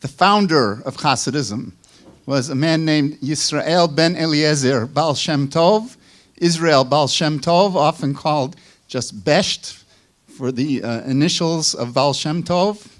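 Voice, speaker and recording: An older man with a Chicago accent giving a measured academic lecture, with small asides. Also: on the high side. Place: lecture hall.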